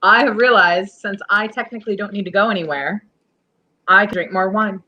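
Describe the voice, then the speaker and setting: A woman's voice: mid-range voice, moderate pace, sharp tone, low-quality recording. A young woman co-hosting a live podcast from home, chatting playfully and joking around. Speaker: podcast co-host. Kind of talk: casual chat on a live show.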